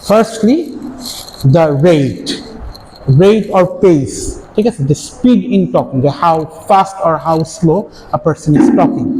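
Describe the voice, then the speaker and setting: Here the lecturer's voice sits high and sounds mellow as he teaches his university class, alternating Bengali with English. Frequent tag questions punctuate the talk, captured in an echoey hall with faint ambient noise.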